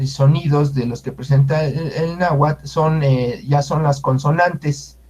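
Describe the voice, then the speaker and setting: A man giving an informal language lesson, explaining unhurriedly with many fillers and sounding out words slowly. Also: on the high side, darkish tone. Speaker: Nahuatl language teacher. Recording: muffled lo-fi audio.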